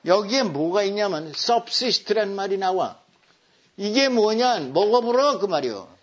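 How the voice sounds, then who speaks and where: A man's voice: high-pitched, lively intonation, unhurried. An older man giving a lecture, repeating words for emphasis. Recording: dull lo-fi recording.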